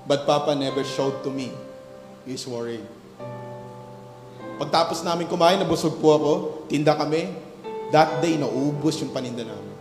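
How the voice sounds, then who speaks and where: A pastor preaching a sermon, telling a story of his childhood and rising into emphatic preaching, mixing English into Tagalog. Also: a little high. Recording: echoey hall with faint music.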